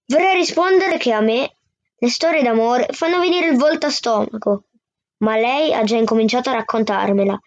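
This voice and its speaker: Brief: woman reader, higher voice, steady first-person narration, dry muffled audio. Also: normal speed, dry recording. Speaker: book reader. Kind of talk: reading a novel aloud. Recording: dull, dry lo-fi sound.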